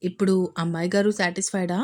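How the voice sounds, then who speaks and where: A woman voicing a young husband who teases his wife playfully and then speaks tenderly, her voice dropped low. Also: flat delivery, fast, close to an everyday voice. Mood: teasing. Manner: playful, coaxing, husky-toned.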